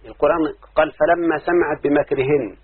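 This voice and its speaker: An Egyptian man teaches grammar in a quick, raised voice, constantly quizzing his students. His tone is breathy and rough. The recording is muffled and narrow, like an old phone line. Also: fairly high pitch. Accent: Egyptian Arabic. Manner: keeps asking students if they understood; chants verses slowly. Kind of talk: classroom grammar lesson.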